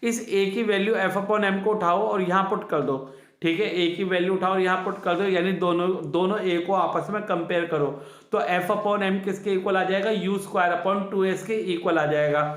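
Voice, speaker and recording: A man's voice: high-pitched, fairly even intonation, normal speed, fairly bright tone, reverberant. A male science teacher giving a classroom physics lesson, asking the students questions and repeating each key answer twice, with on the terms.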